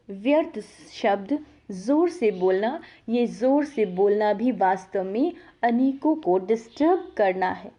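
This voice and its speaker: A woman preaching a devotional sermon, her voice pitched a little high. She keeps asking her listeners questions and answering them herself. The recording sounds dull and lo-fi. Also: mellow. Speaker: spiritual teacher explaining the daily lesson. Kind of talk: devotional sermon, explaining a scripture reading.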